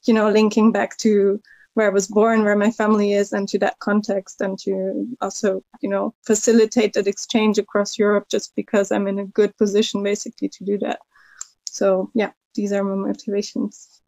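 Female panel guest from Hungary, measured and hedging, dry sound. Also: medium pitch, monotone, darkish tone, no echo. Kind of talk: panel discussion answer.

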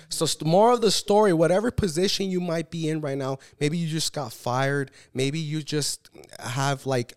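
A man, guest on a podcast, telling a motivational story in a casual, animated way. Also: medium pitch, clean tone, no echo, clean studio sound. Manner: storyteller acting out voices, ends on faith. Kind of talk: casual chat, telling a parable.

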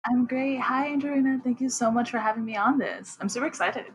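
A woman poet, reading her own verse slowly and carefully, then chatting in a bubbly, excitable way as a podcast guest. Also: fairly high pitch, breathy edge, poor audio. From Queens, New York. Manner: slow, measured reading; bubbly and excitable in chat. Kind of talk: poetry reading and interview.

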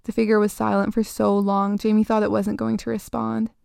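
A woman host reads a scary story aloud in a measured, even delivery. Her voice carries a gravelly fry and a darkish, muted tone, recorded dry and close. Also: medium pitch, no room sound. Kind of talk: scripted spooky story narration.

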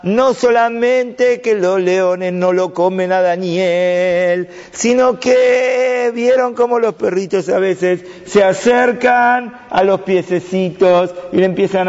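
A man telling a religious story to children, expressive and full of questions to his listeners. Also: gravelly. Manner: expressive, wide swings in pitch and pace, asks the listeners questions. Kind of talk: dramatic story narration. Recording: dull sound with long hall reverb.

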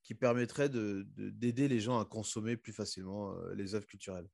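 A man's voice: fairly low pitch, steady tone, brisk, vocal fry, a little mellow, dry recording, studio quality. A man from the Republic of the Congo hosting a podcast, speaking hesitantly with fillers while making a case for his guests. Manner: hesitant, many fillers and restarts, advocating. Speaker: podcast host. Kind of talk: casual interview talk.

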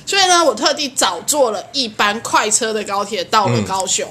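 A young woman with a Taiwanese Mandarin accent, co-hosting a podcast and telling stories in a brisk, emphatic way. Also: on the high side, sharp tone, a little hiss or hum. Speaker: podcast co-host. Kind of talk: casual storytelling chat.

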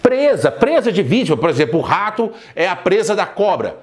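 Um homem, professor de inglês nativo de português, dando uma aula de pronúncia num podcast e repetindo cada palavra devagar e com clareza. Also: male voice, high-pitched, sing-song. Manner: clear, drawn-out model pronunciations. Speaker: English teacher. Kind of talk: podcast pronunciation lesson.

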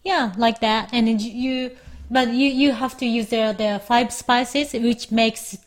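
A Japanese woman co-hosting a casual chat in English, with a Japanese accent and a slightly high voice. She speaks in halting phrases and often pauses to find the right word. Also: steady tone. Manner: halting, searching for words. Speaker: podcast co-host.

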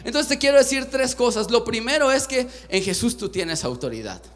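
A man's voice: very high voice, brisk. A young Mexican man preaching a sermon with a Mexican Spanish accent, joking and poking fun at himself as he talks to his congregation. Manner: joking, self-deprecating and lively. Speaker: pastor. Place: church sanctuary. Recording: echoey church hall.

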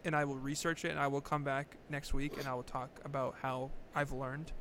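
A man's voice: mid-range voice, level tone, brisk, fairly bright tone, slight background noise. A man co-hosting a podcast, telling self-mocking stories in casual comedic chat, stammering and laughing as he goes. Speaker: podcast co-host.

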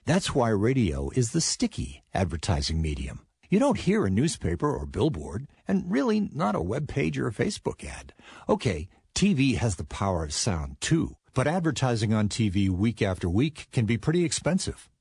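Male promo announcer, very raspy, lively pitch movement, conversational scripted pitch. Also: normal speed, dry recording.

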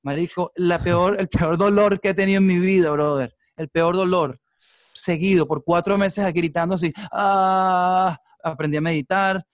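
A man's voice: high voice, moderate pace, no room sound, clean studio sound. A man with a Venezuelan accent, a podcast guest chatting casually and telling stories in an intense, profane way. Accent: Venezuelan Spanish. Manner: intense, profane, animated storytelling. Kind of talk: casual chat.

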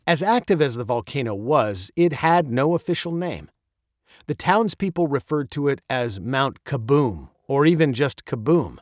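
A male narrator reads a children's chapter book aloud with playful expression. His voice sits in a middle pitch but swings widely, rising high for emphasis and dropping low for asides. The sound is dry, with no room echo. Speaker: audiobook narrator. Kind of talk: scripted storybook narration.

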